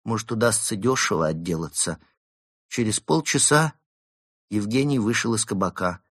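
A man narrating a children's story in an expressive audiobook reading. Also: on the low side, normal speed, husky, no room sound, clean studio sound.

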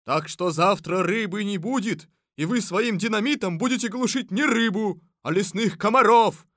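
A man's voice: high voice, normal speed, fairly bright tone, no echo, studio quality, pitched above the performer's own voice. A man voicing an eager older retired military man who answers in barked replies. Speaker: retired soldier character. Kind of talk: audiobook character voice.

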